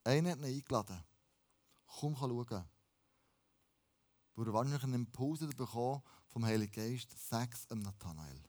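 A pastor preaching a lively, casual sermon and dropping in English phrases. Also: male voice, medium pitch, fast talker, few pauses.

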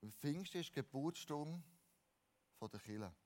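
Man, sermon, slightly high voice, emphatic then hushed, restarts phrases. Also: measured pace. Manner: animated, shifts between loud emphatic lines and low quiet ones; repeats words and restarts phrases. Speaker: preacher.

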